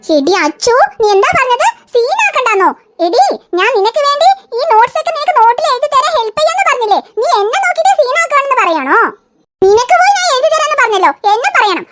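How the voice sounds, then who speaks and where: A woman's voice: very high-pitched, big pitch swings, fast, fairly bright tone, a little hiss or hum, full character voice. A woman voicing a bossy, teasing teenage older sister in a cartoon. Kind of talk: cartoon voice acting.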